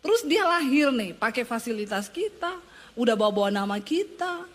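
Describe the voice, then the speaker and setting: A woman's voice: sing-song, moderate pace. Playful woman pastor preaching. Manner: playful, teasing, questions the congregation; pitch swings wide for emphasis. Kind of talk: lively conversational sermon. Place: church.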